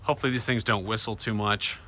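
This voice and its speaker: Talking fast in a low, steady voice, an American man casually walks the camera through his DIY van upgrades in plain, laid-back language. The vlog was shot handheld and is noisy, with vehicle sounds around him.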